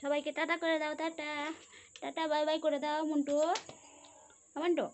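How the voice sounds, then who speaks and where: Brief: high-voiced woman, coaxing sing-song baby talk to a pet, noisy home recording. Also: little pitch movement, moderate pace. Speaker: pet owner filming her pet.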